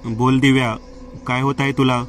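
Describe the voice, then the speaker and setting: A man reading a gentle woman doctor. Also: mid-range voice, flat delivery, normal speed, recorded from a distance, lightly acted. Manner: gentle questioning. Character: kind woman psychiatrist.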